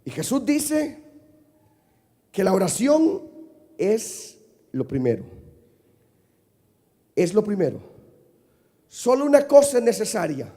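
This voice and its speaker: A male pastor preaching a sermon, leading the congregation in call-and-response and building up to shouts. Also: high-pitched, sing-song, slow pace, pauses often, big-room sound. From Costa Rica. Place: church sanctuary.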